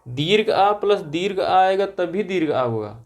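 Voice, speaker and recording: A man with a high-pitched voice teaches grammar in a classroom lecture. He drills each rule step by step and repeats it. He keeps asking the class whether they follow. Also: lively intonation, moderate pace. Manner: checks understanding constantly, tag questions like "right?"; repetitive, drilling rules step by step. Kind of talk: classroom lecture with call-and-response.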